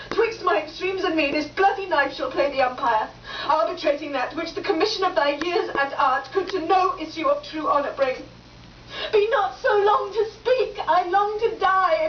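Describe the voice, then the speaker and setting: Desperate teenage girl, high voice, impassioned pleading verse, echoey distant muffled playback. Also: a little hiss or hum. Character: desperate teenage girl, Juliet, threatening with a knife. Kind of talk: Shakespearean stage verse.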